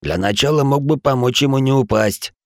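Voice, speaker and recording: A man's voice: mid-range voice, sing-song, normal speed, dry recording, studio quality, pitched above the performer's own voice. A man voicing tense, sarcastic male companions in an audiobook, lifting his voice above his narration.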